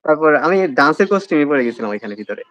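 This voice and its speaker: A man's voice: a little high, sing-song, very fast, fairly bright tone, slight background noise. A young man telling the story of his admission test in a casual interview, with a Bangladeshi Bengali accent and many hesitant fillers. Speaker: admission candidate, guest.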